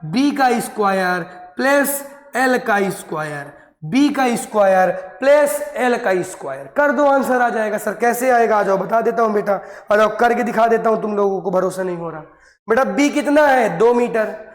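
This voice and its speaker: A man's voice: sits high, expressive, normal speed. A male teacher giving a lesson, coaxing his students and answering his own questions. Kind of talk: classroom lesson. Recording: echoey, reverberant room.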